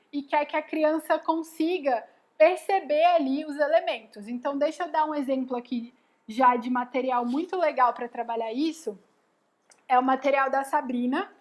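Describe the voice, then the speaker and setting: A woman giving a casual live lesson, explaining step by step and often checking in with "né?" and "tá bom?". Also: high-pitched. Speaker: educator giving a live class.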